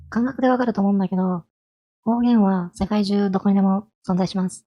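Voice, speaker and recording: A woman's voice: mid-range voice, dark tone. A woman in her twenties giving a chatty, friendly explainer lesson on language, asking her listeners rhetorical questions. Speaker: language vtuber.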